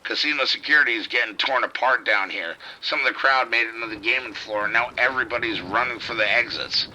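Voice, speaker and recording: This low-quality clip features an actor in an audio drama playing a terrified policeman trapped during a casino outbreak, swearing as he urgently radios for help. His medium-pitched voice is bright and forceful, and he talks fast.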